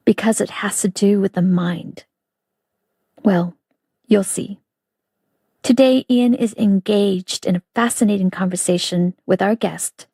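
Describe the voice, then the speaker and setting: A woman's voice: mid-range voice, warm tone, no echo. A woman announcing a podcast episode, giving a polished scripted introduction of the guest. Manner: polished read, presenting. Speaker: show announcer.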